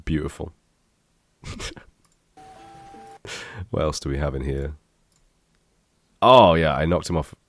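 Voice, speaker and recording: Congested from illness, a young man with a stuffy, bunged-up voice rambles through casual commentary on his old videos, joking at his own expense and swearing casually. He speaks at an extremely low pitch, slowly, and pauses often.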